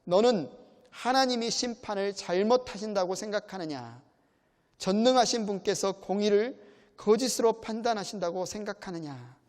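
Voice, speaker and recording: A man voicing an indignant male friend who scolds a suffering man out of rigid piety, with a sharp rebuking tone. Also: sits high, lively intonation, moderate pace, in a large hall, voice pushed up. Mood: lecturing.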